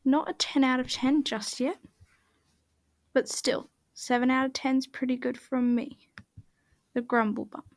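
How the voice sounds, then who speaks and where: A woman with a high voice talks slowly through a relaxed voice-over while she draws. Her chat rambles and often sinks to a half-whisper, and the sound is dry and close. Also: vocal fry, dry recording. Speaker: art channel creator. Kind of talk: casual voice-over while drawing.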